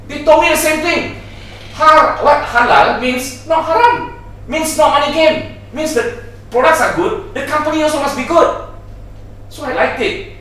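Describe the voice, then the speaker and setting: A middle-aged man with a Malaysian English accent, giving an animated testimonial on stage as a business presenter and acting out conversations. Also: extremely high pitch, moderate pace. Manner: animated storyteller, acting out dialogues with repetition. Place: large indoor venue. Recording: echoey hall, voice from far off.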